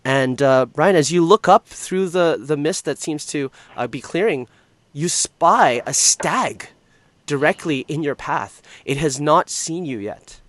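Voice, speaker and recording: Higher-pitched man narrating a tabletop game, haltingly. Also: fairly bright tone, no room sound. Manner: halting, hesitant phrasing with repeated words. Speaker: game master.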